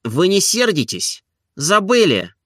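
Man voicing a timid, lovesick gentleman in an audiobook; slow, gentle, pleading, bright tone. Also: high voice, huge pitch swings, no echo, clean studio sound, voice pushed up, exaggerated voice. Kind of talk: audiobook character reading.

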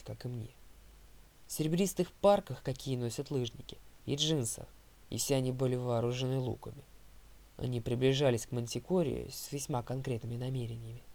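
A male audiobook narrator telling the story in a steady first-person voice. His tone is gravelly and creaky. The pitch sits in the middle of the male range.

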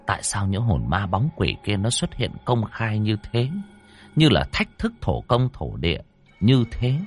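Lively low-voiced male horror storyteller. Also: a little slow. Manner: expressive, rising and falling storytelling. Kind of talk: dramatic horror story narration. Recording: dry close mic with faint music.

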